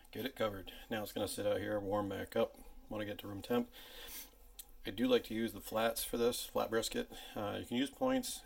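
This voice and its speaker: With a creaky voice, a man runs his own home cooking channel, holding his phone camera himself as he films a casual tutorial in his kitchen and chats through each step in a relaxed way. Later he heads outdoors to a backyard smoker, where he gets louder and higher.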